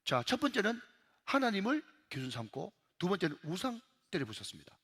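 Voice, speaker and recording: A man's voice: high-pitched, sing-song, a little fast, fairly bright tone, slightly rough, long reverb tail. A male pastor with a Gyeongsang accent preaching an emphatic sermon in a church, repeatedly calling out to the congregation. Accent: Gyeongsang Korean. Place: church sanctuary.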